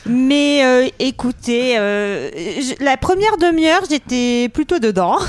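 A woman's voice: high-pitched, lively intonation, takes it slowly. A woman on a film podcast panel giving a hesitant, understated opinion with many ums. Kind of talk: casual panel chat.

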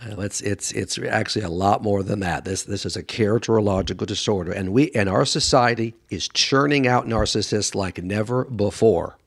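A guest expert on a radio show, this doctor and author talks in a fairly low, gravelly, slightly rough voice at a moderate pace with hardly any pauses. His conversational answers are blunt and emphatic, and he acts out what others say.

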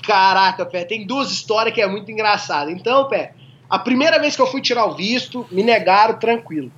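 A man's voice: high-pitched, expressive, a little fast, a bit bright, a little hiss or hum. A man from a small town in Minas Gerais, a guest telling funny stories casually and laughing often. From small town in Minas Gerais, Brazil. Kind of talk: casual storytelling. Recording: dull lo-fi sound.

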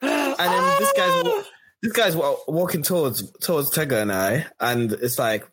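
A man's voice: a little high, wildly swooping pitch, moderate pace, background noise. A young man recounting events in a casual chat among friends, laughing through his own storytelling.

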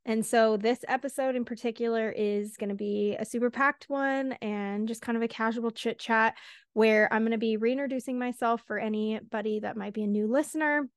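A woman's voice: a little high, steady tone, smooth, no echo, studio quality. Breathless, chatty woman podcast host. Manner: chatty, quick, laughs between words. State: a little out of breath. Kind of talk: casual solo podcast chat.

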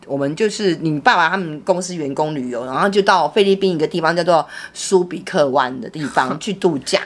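A middle-aged woman, telling a personal story in casual chat. She talks in an animated way, with many restarts and repeated words. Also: deep voice, fairly quick. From Taiwan. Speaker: podcast co-host, mother.

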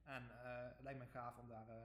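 A man's voice: mid-range voice, flat delivery, a little fast, a bit bright, a little hiss or hum. A Dutch man co-hosting a podcast in casual chat, hesitant with many fillers and restarts. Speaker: podcast co-host. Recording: echoey room.

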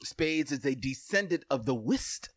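A man's voice: medium pitch, animated, no echo. A man co-hosting a podcast in casual chat, curious and questioning, reading aloud at times. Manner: curious, questioning, quick to laugh. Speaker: podcast co-host.

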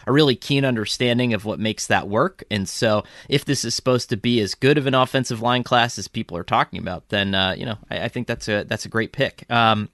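Rambling low-voiced man on a podcast. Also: brisk, few pauses, a bit bright, no echo, studio quality. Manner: rambling, lots of ums and restarts. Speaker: podcast co-host. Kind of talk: casual sports podcast chat.

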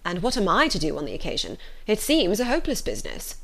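Woman playing older gentleman father, dry, ironic, measured, mock-solemn, unruffled, audiobook character. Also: mid-range voice, huge pitch swings, creaky, full character voice. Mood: calm, unconcerned.

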